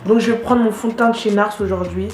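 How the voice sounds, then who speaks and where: A woman's voice: mid-range voice, fairly even intonation, quick pace, darkish tone, echoey room, soft background music. A woman vlogger chatting casually with lots of fillers while she does her makeup. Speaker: beauty vlogger. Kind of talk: casual get-ready-with-me makeup narration.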